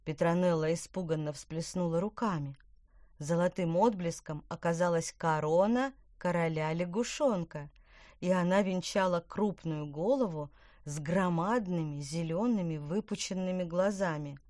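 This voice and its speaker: A woman narrating a children's storybook in an even, clear manner. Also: on the low side, normal speed, no echo, studio quality. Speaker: audiobook narrator. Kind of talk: scripted narration.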